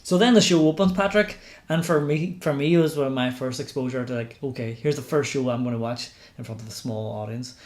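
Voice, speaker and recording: A man's voice: medium pitch, a little fast, hardly any pauses. A man co-hosting a podcast, easygoing and rambling. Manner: easygoing, laughs along, rambling. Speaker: podcast co-host. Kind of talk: casual wrestling podcast chat.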